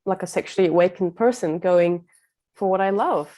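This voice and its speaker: Earnest woman from Turkey, mellow voice. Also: on the low side, normal speed. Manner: reflective, earnest, many fillers. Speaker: guest, empowerment coach. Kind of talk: casual conversation.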